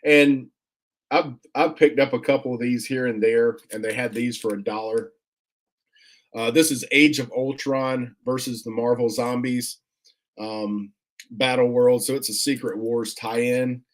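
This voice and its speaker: A man in a casual unboxing chat at a middle pitch. His talk is relaxed and rambling, full of "um" and restarts. He keeps breaking off to thank viewers for their comments. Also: measured pace. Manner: friendly, thanks viewers often. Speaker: comic collector vlogger, host.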